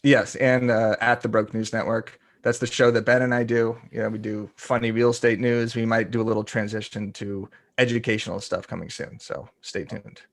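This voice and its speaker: A man's voice: lowish voice, flat delivery, moderate pace, vocal fry, hardly any pauses. A man who is a guest on a podcast, chatting casually in a joking, laid-back way. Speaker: guest, content creator.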